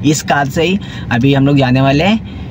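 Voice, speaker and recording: A man's voice: medium pitch, moderate pace. A young man, chatting casually to his camera as a vlogger, rambling with many fillers and repeats, filmed on a phone in a parked car. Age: young adult. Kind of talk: casual vlog talk to camera. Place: inside a parked small car, daytime. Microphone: phone camera at arm's length. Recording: noisy phone video in a car.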